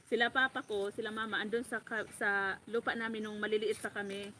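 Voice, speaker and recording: A woman from the Bicol region of the Philippines, a farm vlogger, telling a story in a casual, animated way, laughing often and calling her listener by name. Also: mid-range voice, brisk, a little hiss or hum. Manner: animated, laughs often, repeats a friend's name as she talks.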